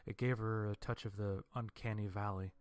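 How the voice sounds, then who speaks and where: A man narrating a first-person horror story in a dry, deadpan way. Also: on the low side, normal speed, clear, resonant tone.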